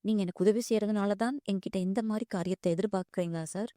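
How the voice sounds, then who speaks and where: A woman's voice: mid-range voice, fast, dark tone, dry recording, clean studio sound, lightly acted. A woman playing a proud, hurt young woman. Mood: sharp. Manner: firm and respectful, calls him "sir".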